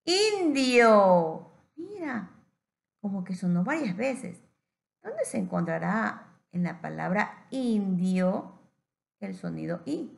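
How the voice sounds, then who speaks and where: A woman teacher giving a patient phonics lesson to young children, stretching words out slowly. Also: medium pitch, very animated, gravelly, a little mellow.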